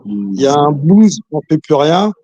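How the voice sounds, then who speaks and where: A man's voice: a little high, big pitch swings, unhurried, dark tone, no room sound, muffled recording. A man from Congo on a video call, talking casually and hesitantly, with many restarts and fillers and an occasional chuckle. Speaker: caller. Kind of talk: casual chat.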